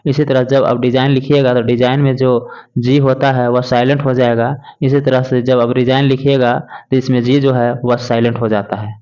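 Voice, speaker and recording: A man teaching a lesson, slowly and patiently spelling out words letter by letter. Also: mid-range voice, flat delivery, darkish tone, clear, resonant tone. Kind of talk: classroom lesson explaining English words in Hindi. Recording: dull lo-fi recording.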